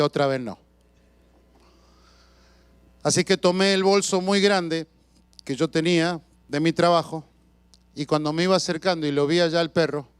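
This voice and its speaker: High-voiced, lively pastor. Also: male voice, clear, resonant tone, no room sound. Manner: storytelling with shouts and sound effects; asks the congregation questions. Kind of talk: sermon. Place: church.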